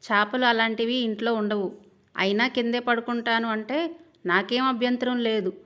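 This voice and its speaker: A woman's voice: on the high side, steady tone, moderate pace, fairly bright tone, close to an everyday voice. A woman voicing a teasing young husband who talks in a cool, sarcastic way.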